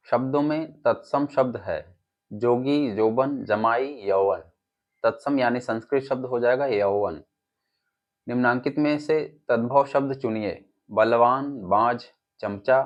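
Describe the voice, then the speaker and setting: A male teacher with an Uttar Pradesh Hindi accent, reading quiz questions and their options, then giving the answers and explaining them. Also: medium pitch. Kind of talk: exam-prep lesson, reading quiz options. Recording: dull lo-fi audio.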